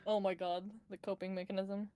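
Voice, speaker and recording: A woman's voice: medium pitch, a little fast, clean tone, dry recording. Giggly young woman reading a game aloud. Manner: giggly, animated. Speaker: streamer. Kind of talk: casual let's play, reading game text aloud.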